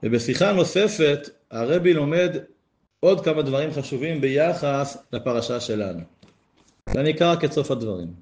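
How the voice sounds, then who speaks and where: A man with a somewhat high voice teaches a Torah lesson. He reads passages and explains them earnestly. His pitch climbs whenever he drives a point home. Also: animated, a little mellow. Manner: earnest, rises in pitch to stress key points.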